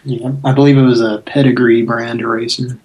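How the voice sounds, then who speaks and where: A man's voice: mid-range voice, flat delivery, fairly quick, darkish tone, low-quality recording. A man co-hosting a prank call show, tossing in dry absurd quips. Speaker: co-host.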